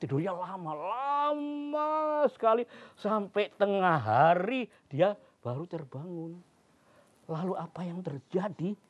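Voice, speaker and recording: An older man telling a children's fairy tale in a playful, drawn-out way. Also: high voice, breathy edge, no echo, lo-fi sound. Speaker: children's storyteller. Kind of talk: storytelling for children.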